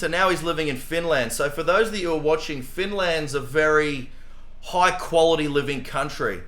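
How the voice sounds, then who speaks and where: A man's voice: fairly high pitch, sharp tone, echoey room. A man hosting a podcast interview, chatty and enthusiastic, with many fillers. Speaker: podcast host. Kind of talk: casual interview.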